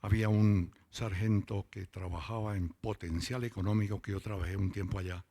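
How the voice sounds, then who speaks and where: A man preaching a testimony at a church meeting, with a low, gravelly, somewhat husky voice. He talks in a storyteller's way and slows right down on key words for emphasis. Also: fairly even intonation, dark tone. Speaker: lay preacher giving testimony. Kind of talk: testimony sermon.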